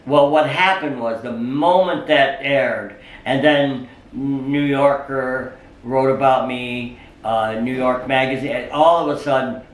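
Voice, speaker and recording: Older male storyteller in an interview, animated and fond of voicing quotes, mic set well back in an echoey room. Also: medium pitch, takes it slowly. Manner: animated storyteller who acts out quoted speech, with frequent "uh" fillers. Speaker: psychic interviewee. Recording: roomy sound from a distant mic.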